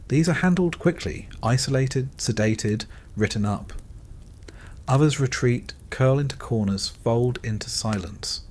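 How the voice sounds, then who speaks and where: A man narrating a scripted bedtime story in a calm, dryly wry second-person voice. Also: lowish voice.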